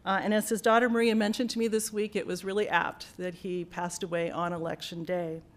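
A woman's voice: lowish voice, flat delivery, brisk. A woman speaking as a college leader at a building dedication in a university auditorium, earnest and grateful, with frequent fillers and restarts. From United States. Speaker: college dean giving a dedication speech. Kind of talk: formal ceremony speech.

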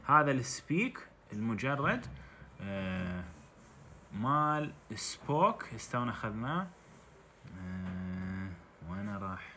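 Bright-voiced Iraqi man teaching English. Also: on the low side, very animated, slight background noise. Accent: Iraqi Arabic. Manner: reads English lines slowly, then translates into dialect. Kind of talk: explaining a textbook story.

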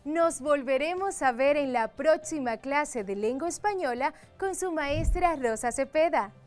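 Dominican lady teacher, high voice, slow careful words, soft music behind. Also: lively intonation. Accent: Dominican Spanish. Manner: slow, careful enunciation of each word. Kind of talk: televised Spanish grammar lesson.

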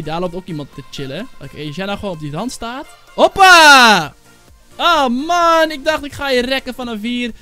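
High, lively young man gaming. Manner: excitable, shouts and yells when angry at hackers; casual, rambling, with many fillers. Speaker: gaming YouTuber. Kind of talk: live Minecraft gameplay commentary.

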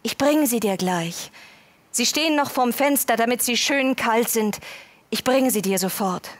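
A woman voicing a hurt, gentle father who soothes his son and apologizes in a read story. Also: on the high side, unhurried, natural voice. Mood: soothing.

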